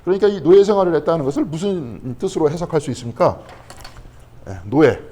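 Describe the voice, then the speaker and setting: A man's voice: fairly high pitch, lively intonation, fast, mellow, slightly rough. A male pastor teaching a Bible study class in a conversational way. He keeps asking the class questions and then answers them himself. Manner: conversational, checking in with frequent tag questions.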